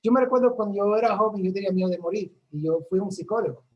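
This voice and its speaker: A woman's voice: medium pitch, racing, lo-fi sound, a little hiss or hum. A woman from a church ministry, talking earnestly about her faith in a casual chat, often restarting her sentences. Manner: earnest storytelling with frequent restarts.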